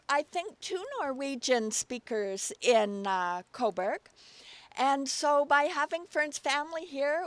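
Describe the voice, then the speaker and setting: A woman hosts a ceremony, introducing speakers in a relaxed manner with a few fillers and gentle humor. Her voice sits high, and the sound is dry and close. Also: no echo. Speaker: master of ceremonies. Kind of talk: ceremony hosting.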